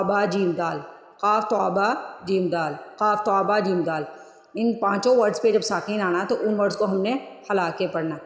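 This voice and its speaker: A man teaching a tajweed lesson to his students. He drills letters and words slowly and repeats each one several times, in a patient, instructive tone. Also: high-pitched. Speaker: Quran recitation teacher. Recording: roomy recording with long reverb tail.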